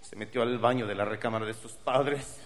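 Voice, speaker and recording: A man's voice: mid-range voice, steady tone, brisk, big-room sound. Male stand-up comic, Mexican accent, profane and wry storyteller. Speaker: comedian.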